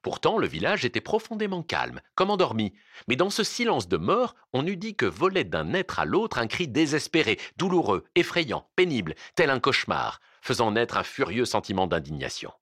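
A man reading a novel aloud with expressive, dramatic narration. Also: medium pitch, normal speed, dry recording, studio quality. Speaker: audiobook reader.

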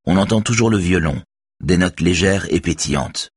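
Deep husky male thriller narrator. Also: moderate pace, no echo, clean studio sound. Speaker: audiobook narrator.

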